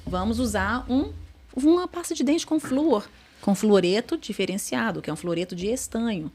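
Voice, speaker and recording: A woman's voice: a little high, animated, moderate pace, darkish tone. A Brazilian woman speaks as a dentist guest on a casual podcast. She explains things patiently, leaning on everyday examples and repeating her key points for emphasis. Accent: Brazilian Portuguese.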